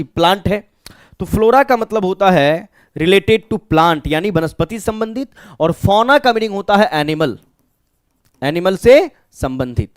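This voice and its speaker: A man's voice: high-pitched, no echo, clean studio sound. A man with a Bihari accent teaching an exam-prep vocabulary lesson. He explains step by step, asking questions and answering them himself.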